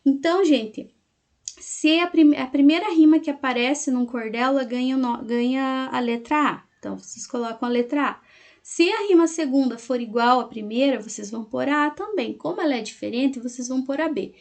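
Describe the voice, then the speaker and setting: A woman teacher explaining a lesson to her class slowly, syllable by syllable, and checking in often with her students. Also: high voice.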